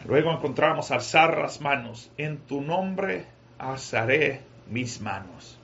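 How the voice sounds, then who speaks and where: A man preaching a sermon to a congregation, rising to shouted climaxes. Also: mid-range voice, expressive, takes it slowly, lo-fi sound, a little hiss or hum. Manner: rises to shouting climaxes, addresses congregation as brothers.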